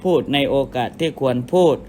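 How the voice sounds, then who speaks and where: A man, a Buddhist monk, giving a measured dharma sermon and explaining with everyday comparisons. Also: darkish tone, a little hiss or hum.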